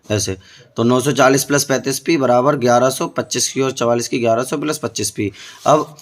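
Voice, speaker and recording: Here a male math tutor from India, fairly quick and medium in pitch, leads a board-exam lesson. His method is step-by-step explanation, with constant questions aimed at the students.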